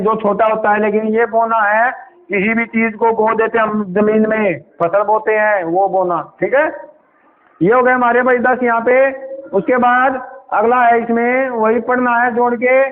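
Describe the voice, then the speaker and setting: A male primary school teacher gives a Hindi lesson in a classroom. He speaks patiently and coaxingly, repeating words and sounding them out slowly for the children. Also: high-pitched, flat delivery. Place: village government school classroom. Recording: tinny phone-like sound with faint noise.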